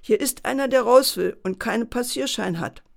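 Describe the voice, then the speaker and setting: A woman voicing a flustered, rule-bound male factory gatekeeper in a children's story, speaking high and loud with a gravelly edge. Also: moderate pace.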